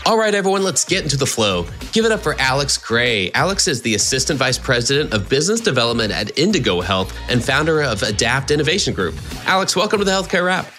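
Lively-voiced male podcast host. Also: mid-range voice, quick pace, few pauses, faint music behind. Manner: upbeat, welcoming, lively intonation. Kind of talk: podcast hosting and scripted monologue.

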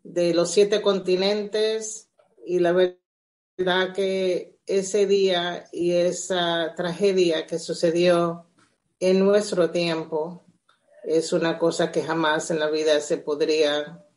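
Slow-spoken reflective woman. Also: fairly low pitch, little pitch movement, a little mellow. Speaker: interview guest. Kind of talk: conversational interview.

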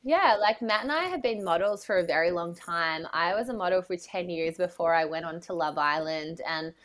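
A woman's voice: on the low side, animated, moderate pace, fairly bright tone. A woman chatting casually as a guest in a podcast interview. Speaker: podcast guest, reality TV contestant.

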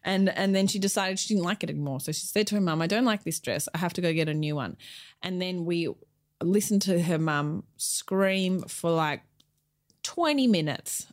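A woman's voice: fairly low pitch, moderate pace. Chatty woman telling stories. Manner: rambling, chatty storytelling with many restarts. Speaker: podcast co-host. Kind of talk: casual chat.

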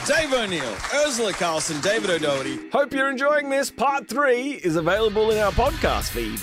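Man, high pitch, lively range, radio announcing, loud music behind. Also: normal speed, a loud crowd. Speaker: radio host.

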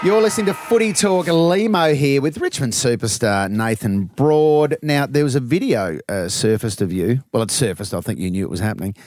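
Aussie guy podcast host, mid pitched, jokey casual interview chat, very dry sound. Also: moderate pace, hardly any pauses, darkish tone, no room sound. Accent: Australian.

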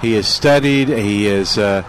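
A man's voice: fairly low pitch, unhurried, a little hiss or hum, low-quality recording. American man hosting a gardening radio show. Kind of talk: casual ad-libbed sponsor talk.

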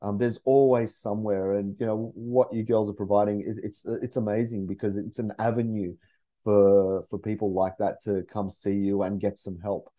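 A man's voice: on the low side, little pitch movement, normal speed, warm tone. A man speaking as a memory coach guest in a casual podcast chat, earnest and rambling with many fillers.

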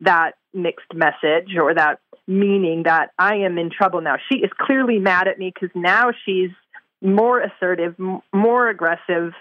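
A woman guest on a marriage podcast, telling a story in a lively way and acting out her own lines. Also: fairly low pitch, a little slow, no room sound, dull audio. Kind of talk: casual podcast conversation.

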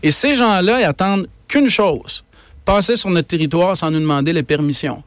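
A man's voice: high-pitched, moderate pace, no room sound. A man with a Québécois French accent, an economics columnist and professor, arguing his points emphatically in a radio interview, often repeating words. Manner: emphatic, argumentative, frequent repetitions.

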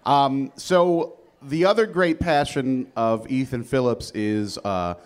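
Male host, playful, rambling introductions, mid pitch. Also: slow pace. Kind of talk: interviewing on stage. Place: theater on a cruise ship.

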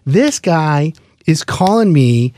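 Lively high-voiced storytelling man. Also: slow pace, no echo. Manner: animated, acts out quoted people; swears casually. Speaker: renovation consultant. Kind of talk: casual podcast storytelling.

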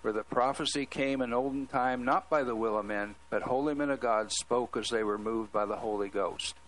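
A man speaking as a talk show guest, earnestly expounding his beliefs in a deliberate way with pauses mid-sentence. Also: medium pitch, a bit bright, poor audio. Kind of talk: earnest religious exposition.

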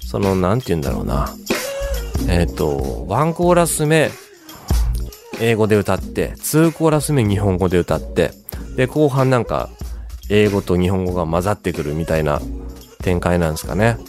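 Chatty low-voiced man hosting music radio. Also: big pitch swings, darkish tone. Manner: chatty, enthusiastic, many fillers and pauses. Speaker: radio show host introducing songs. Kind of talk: casual music radio talk.

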